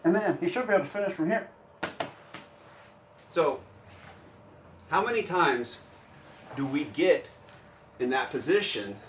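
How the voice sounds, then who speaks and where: Animated man coaching jiu-jitsu, roomy sound. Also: measured pace, pauses often, a little hiss or hum. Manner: animated, acts out panicked grappler in higher voice. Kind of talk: casual instructional chat. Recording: roomy, distant mic with faint gym ambience.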